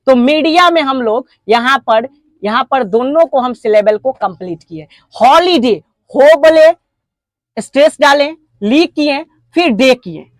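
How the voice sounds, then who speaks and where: A woman with an Indian accent teaching spoken English, breaking words into slow, stressed syllables. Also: high voice, no room sound. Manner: drawn-out, stressed syllable drills. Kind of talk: classroom lesson.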